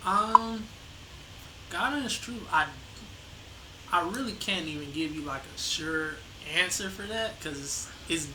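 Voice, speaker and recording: The host's son, a young man with a high voice and lively intonation, speaks unhurriedly as a guest in a casual conversation. He's hesitant and laid-back, often restarting sentences, recorded in an echoey room with faint noise.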